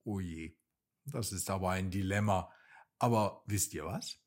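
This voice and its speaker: A man's voice: sits low, measured pace, pitched below the performer's own voice. A man voicing a curious, sly male fox in a bedtime story, friendly and knowing.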